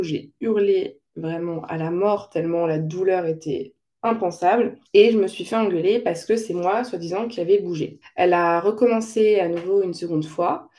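A young woman frankly recounting her childbirth experience as a personal testimony, halting often and restarting her sentences. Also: lowish voice, mellow. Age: young adult. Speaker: mother sharing her birth story.

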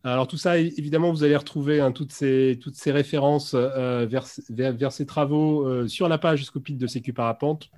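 A man's voice: mid-range voice, fairly even intonation, moderate pace, few pauses, darkish tone. A man hosting a live interview, introducing and questioning guests in a hesitant way, often repeating words as he goes. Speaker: live show host and interviewer.

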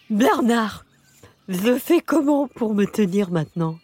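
A woman's voice: high-pitched, lively intonation, takes it slowly, darkish tone, breathy edge, voice pushed up, heavily acted. A woman voicing a timid male snail in a children's story, hesitant and stammering. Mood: puzzled. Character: slow, timid male snail, easily queasy.

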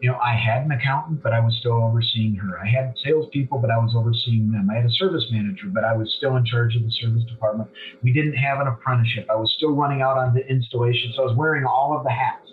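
A man in his forties, a business owner telling his story bluntly and candidly as a podcast guest, self-deprecating and animated when he makes a point. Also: mid-range voice, fast talker, a little hiss or hum. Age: 40s. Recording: thin phone-like line, distant from mic.

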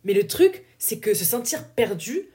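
A woman's voice: mid-range voice, big pitch swings, measured pace, dark tone. A young woman with a southern French accent hosting a casual solo podcast, talking in a chatty, filler-heavy way and laughing at herself. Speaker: podcast host.

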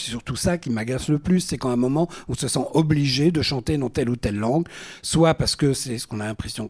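A man's voice: a little high, a little mellow. A man, a singer-songwriter, talking bluntly and with animation in a casual panel discussion, swearing freely.

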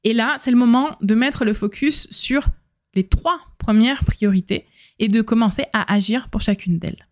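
A woman's voice: fairly high pitch, moderate pace. A woman hosting a solo podcast, giving advice in a chatty way with many fillers and self-corrections. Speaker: podcast host.

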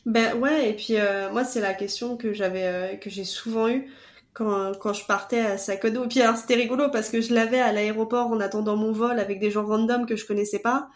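Woman host, relaxed conversational delivery, slightly higher voice, quick to agree. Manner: warm, frequent agreeing interjections and laughs. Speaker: podcast host. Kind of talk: casual podcast chat.

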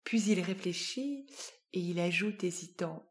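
A woman calmly narrating a children's wellness story with soft, gentle pacing. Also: fairly low pitch, unhurried.

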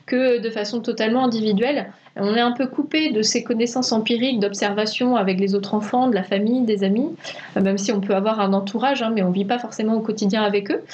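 Brief: thoughtful woman host, a bit high-pitched, dull lo-fi live audio. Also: fairly even intonation, quick pace, darkish tone. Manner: thoughtful, hesitant, many restarts. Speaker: podcast host. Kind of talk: casual live conversation. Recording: muffled lo-fi live stream audio.

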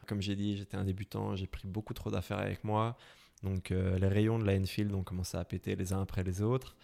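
Young Brussels man, low gravelly voice, hesitant interview answers. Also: a little mellow. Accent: Brussels French. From Belgium. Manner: hesitant, many fillers and restarts. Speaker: interviewee, motorcycle traveler. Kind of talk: casual interview.

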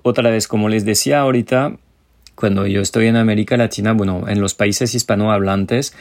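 Speaking a little fast with fairly even intonation, this lowish-voiced man offers casual, explanatory advice straight to his listeners. He is a French-accented native French speaker from France who teaches languages and hosts a podcast.

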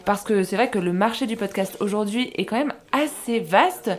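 Une femme qui anime un balado et enchaîne les questions sur un ton vif. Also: female voice, medium pitch, lively intonation, normal speed. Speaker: podcast host. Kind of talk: podcast talk.

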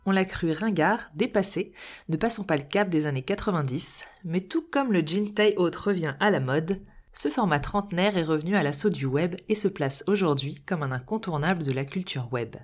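A woman's voice: lowish voice, expressive, normal speed, faint music behind. A woman hosting a podcast, reading a scripted explainer with wry, playful asides. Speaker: podcast host.

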